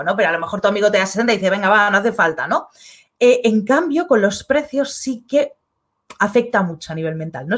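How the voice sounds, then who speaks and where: Lively woman with a Spain Spanish accent. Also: a little high. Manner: chatty, acts out little dialogues with shifting voices. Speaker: online course creator and live-stream host. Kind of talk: casual live-stream talk reading chat comments.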